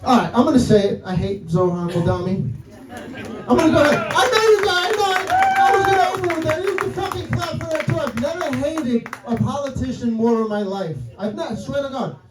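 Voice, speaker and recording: On a comedy club stage, a New Yorker in his thirties delivers a brash, profane stand-up set in a very high, sing-song voice at a fairly quick clip. He keeps checking in with the audience, tossing out "right?" and "guys," while laughter rises in the noisy, roomy recording captured from a distance.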